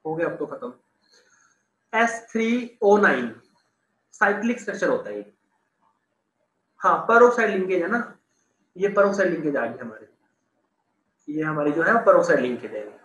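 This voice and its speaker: Brief: young male chemistry teacher, high voice, loose chatty explaining, echoey room. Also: very animated, measured pace, long pauses, a bit bright. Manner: casual, repeats terms, checks students follow. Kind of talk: online class explaining on a board.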